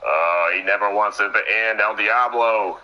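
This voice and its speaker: A man doing play-by-play wrestling commentary, excitable and stumbling over words, laughing at his own slips. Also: lowish voice, moderate pace, muffled recording.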